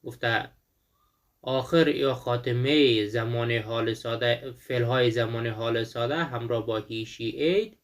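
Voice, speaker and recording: Male teacher, mid-pitched, walks students through a textbook with slow example words. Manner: switches between slow English examples and quick explanations. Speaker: English teacher. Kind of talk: explaining a textbook lesson.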